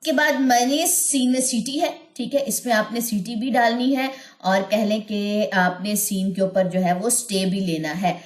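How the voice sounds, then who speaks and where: A woman teaching recitation in a recorded lesson, explaining slowly and repeating each word to demonstrate. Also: medium pitch. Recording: echoey room.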